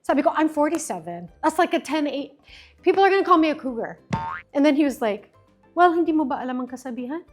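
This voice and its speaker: A woman in her fifties, an interview guest, telling a story in a casual, animated way and acting out quoted lines while mixing English and Filipino. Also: high voice, fast talker, soft background music.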